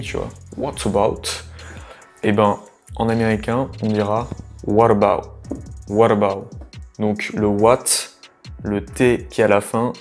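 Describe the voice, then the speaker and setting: A man's voice: lowish voice, darkish tone. A man in his late teens casually explaining things to the listener, rambling with many fillers and restarts. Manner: addresses the listener familiarly as "tu". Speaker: language tutor.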